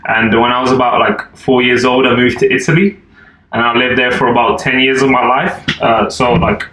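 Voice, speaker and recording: A man in his twenties from Albania chats as a podcast guest in a laid-back, rambling way, packed with fillers and "like." His mid-range voice is level and sharp at normal speed, recorded in an echoey room with faint noise.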